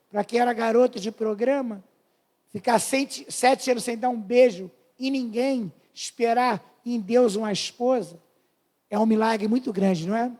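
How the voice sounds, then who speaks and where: A man's voice: very high-pitched, a little mellow. A man in his fifties with a Brazilian Portuguese accent, preaching a fervent testimony to a congregation. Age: 50s. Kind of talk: sermon testimony.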